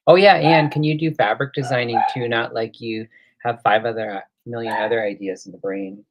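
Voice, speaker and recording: Gravelly-voiced man hosting a coloring stream. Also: mid-range voice, animated, fairly quick. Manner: chatty, thinks aloud while working, reads out viewer comments. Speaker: livestream host. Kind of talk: casual live coloring demo.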